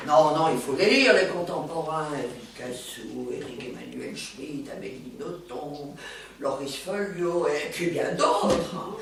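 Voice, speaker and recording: A low-pitched, expressive voice with vocal fry, heavily acted: an actress performs as an exuberant older woman, a former actress, in a lively stage comedy. She's chatty, theatrical and quick-witted, with a crowd behind her and roomy stage sound from a distance.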